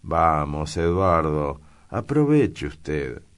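A man's voice: rumbling low, sing-song, drawn-out words, heavily acted. Daniel, a teasing young wit, read by a man. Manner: bantering, mischievous. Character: witty young man, playful teaser.

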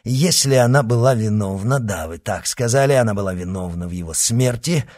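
A man reading aloud voices a vengeful son disguised as a monk, harsh and commanding, in a husky voice. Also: fairly low pitch, expressive, brisk, darkish tone, dry recording, studio quality. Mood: stern questioning. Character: vengeful false monk, grown son, merciless.

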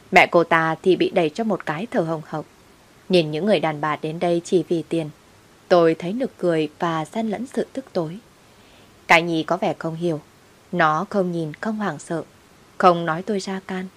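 A woman narrating a first-person story in a steady, unhurried way. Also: lowish voice.

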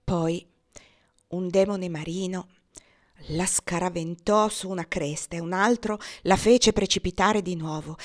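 A woman reading a translated memoir aloud as audiobook narration, with slow, dramatic pauses. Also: on the low side. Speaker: reader.

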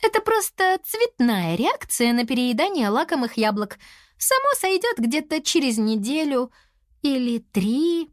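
A woman's voice: a little slow, dry recording, studio quality. A woman voicing a bossy, fussy young girl leader in a children's audio story. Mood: reassuring. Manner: high excited exclamations.

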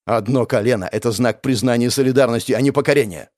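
A man's voice: medium pitch, fast, darkish tone, no room sound, clean studio sound, natural voice. A man voicing a tough, protective male gang boss who barks urgent orders. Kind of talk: audiobook character voice.

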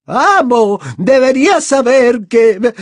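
A man voicing a fanatical female witch in an audiobook, shrill and screaming. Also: expressive, slow, no room sound, full character voice. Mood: shrieking. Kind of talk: audiobook character voice.

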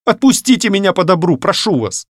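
A man's voice: lively intonation, normal speed, dry recording, clean studio sound. Man voicing a tearful, defiant young woman. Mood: weary pleading. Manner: raised, tearful high-pitched pleading.

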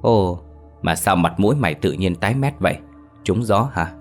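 A man voicing a greedy elderly healer who talks in a brisk, chiding way in a horror story. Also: low-pitched, animated, soft background music. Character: greedy elderly male healer, quick and fussy.

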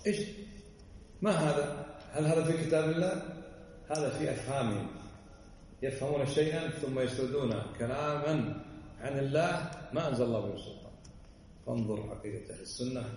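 A man's voice: medium pitch, darkish tone. A male religious teacher lecturing on a classic text. He speaks with emphasis and keeps asking his listeners pointed questions. The voice sits back from the mic in a big, echoing hall with a long reverb tail. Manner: emphatic, fires rhetorical questions. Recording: echoey hall, voice far from the mic, faint background noise.

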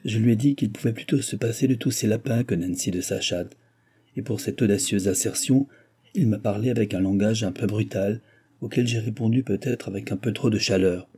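A man reading an audiobook, voicing a calm, kindly young curate who speaks gently and half-playfully. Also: lowish voice, a little fast, husky. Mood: gentle.

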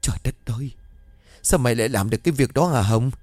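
Stern middle-aged mother, played by a male narrator, sharp-tongued, scolding, story reading. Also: medium pitch, lively intonation, racing, no echo, soft background music, natural voice. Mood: scolding, shocked.

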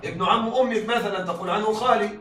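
Very fast and sharp-toned, with a high voice, this man runs a rhetoric lecture, repeatedly checking in with students and repeating examples. The distant mic picks up echo and faint background noise.

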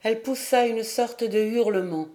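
A woman narrating a novel as an audiobook reader, measured and dramatic. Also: fairly high pitch, mellow. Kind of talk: literary narration.

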